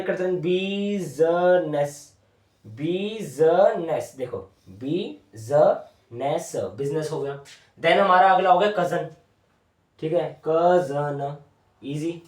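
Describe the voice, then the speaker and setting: A man teaching shorthand at a whiteboard, stretching each word out slowly as he writes it, with said in a way inside his talk. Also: fairly high pitch. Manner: repeats each word slowly while writing. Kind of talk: whiteboard lesson. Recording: echoey room, mic at a distance.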